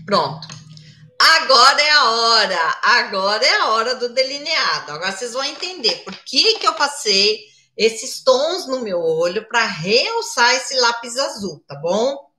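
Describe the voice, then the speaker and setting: Slow-talking mature woman teaching makeup. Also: fairly high pitch, very animated, pushed and bright. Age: older. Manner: chatty, constantly checking in with viewers. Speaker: makeup instructor. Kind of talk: live makeup tutorial. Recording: echoey room.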